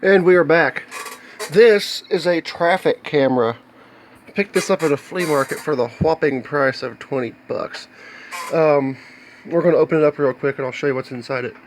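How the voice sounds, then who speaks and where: An American hobbyist video maker with a slightly higher-than-average voice shows off electronics in an unscripted, plain and casual way, often halting as he works through details. It's filmed on a handheld camera in his home workshop, and the low-quality recording carries a little hiss or hum.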